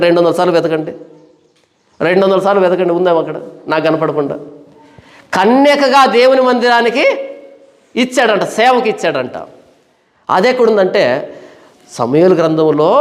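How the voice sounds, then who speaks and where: High-voiced male pastor in a reverberant hall. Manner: questioning, rhetorical, slows to stress points. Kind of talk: Bible study sermon.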